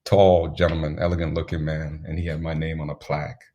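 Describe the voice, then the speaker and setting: A man from Zambia, a guest telling stories in a relaxed interview, unhurried and anecdotal, chuckling now and then. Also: extremely low pitch. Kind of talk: reflective storytelling in an interview.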